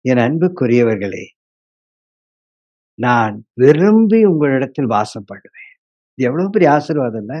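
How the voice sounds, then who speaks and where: Lively preacher, dull dry sound. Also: male voice, on the high side. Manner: lively preaching, mimics congregation's complaints. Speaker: pastor. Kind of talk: sermon.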